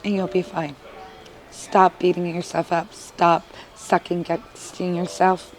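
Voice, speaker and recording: A woman's voice: lowish voice, flat delivery, slow pace, low-quality recording. A woman, a mother, giving an earnest, emotional testimonial in an interview. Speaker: parent interviewee.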